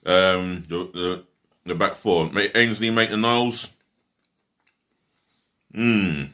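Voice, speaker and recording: A man with a low, forceful and bright voice gives a rambling fan review of a football match. He is blunt, swears freely and fills his talk with ums, now and then speaking through a mouthful of food. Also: slow. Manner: talks while eating. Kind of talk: casual match review vlog.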